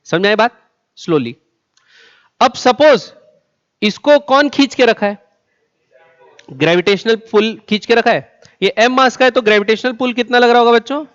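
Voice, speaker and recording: A man with an extremely high, slightly bright voice teaches a physics class at normal speed, pausing often. He asks students questions and answers them himself, dragging out words and repeating key terms for emphasis, in a classroom lecture recorded with dull, lo-fi sound.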